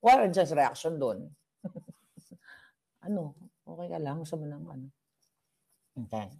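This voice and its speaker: A woman vlogger telling a story in a casual, animated, gossipy way, mixing in English phrases and often laughing between lines. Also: deep voice, measured pace, gravelly, husky.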